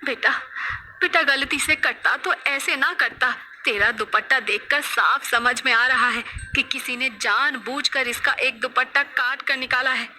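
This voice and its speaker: A woman's voice: high-pitched, a little slow, pushed and bright, a little hiss or hum, exaggerated voice. A woman voicing an anxious, superstitious middle-aged village mother who frets and pleads. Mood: fretful. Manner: fretful and pleading.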